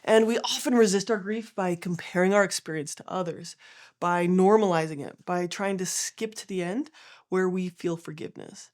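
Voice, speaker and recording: Young adult woman, a touch low, calm and gentle for therapy explainer narration. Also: moderate pace. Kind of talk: educational explainer.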